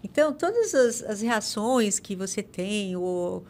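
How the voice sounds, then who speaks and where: A woman's voice: mid-range voice, sing-song, a little slow, a little mellow. A woman who reflects aloud in a podcast conversation, with frequent restarts.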